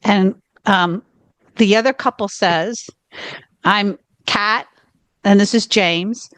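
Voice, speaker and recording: Her voice is mid-range and a bit bright with no echo as this Southern American podcast co-host rambles casually through a long story about her travels. She frequently pauses on the word "okay."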